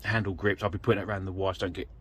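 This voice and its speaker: Racing along in a low, slightly rough voice with a level tone and fairly bright quality, a British vlogger works on an off-road vehicle outdoors. The amateur vehicle DIYer rambles informally into a handheld camera, giving a casual walkthrough laced with self-deprecation. It's a noisy handheld recording on a phone or camera mic, with vehicle ambience throughout.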